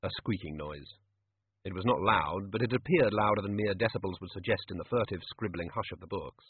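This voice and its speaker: A man narrating a story in a wry, measured manner. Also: deep voice, a little hiss or hum. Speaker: audiobook narrator. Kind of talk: scripted narration. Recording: tinny phone-like sound.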